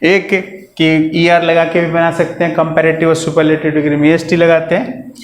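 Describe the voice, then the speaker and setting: A man with a somewhat high voice teaches English grammar. He works through each rule step by step, poses questions and answers them himself, and pauses on fillers. His voice rings around an echoey room. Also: completely flat delivery. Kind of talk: classroom grammar lesson.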